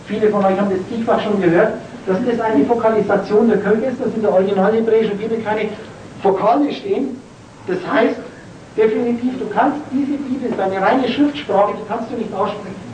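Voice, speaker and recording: A spiritual lecturer with a medium-pitched, steady, slightly mellow voice speaks a little fast in a preachy, esoteric talk to a seated live audience. The speaker asks many rhetorical questions and spells out words letter by letter. The recording is roomy and distant from the mic, with faint ambience and a little hiss or hum.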